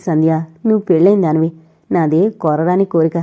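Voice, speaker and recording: A woman voicing a dying young man who speaks haltingly, short of breath, in a storybook reading. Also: sits low, phone-quality sound, lightly acted. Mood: faint.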